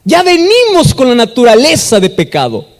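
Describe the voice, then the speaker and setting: Emphatic Peruvian pastor in an echoey hall. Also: male voice, very high-pitched, huge pitch swings, normal speed. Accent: Peruvian Spanish. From Peru. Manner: emphatic, questions the congregation and answers. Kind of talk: sermon. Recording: echoey hall with long reverb.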